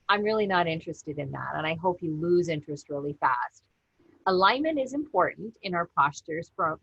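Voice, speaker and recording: Gentle husky-voiced woman yoga teacher. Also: on the low side, no room sound, highs cut off. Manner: gentle, unhurried guidance. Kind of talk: guided yoga class instruction.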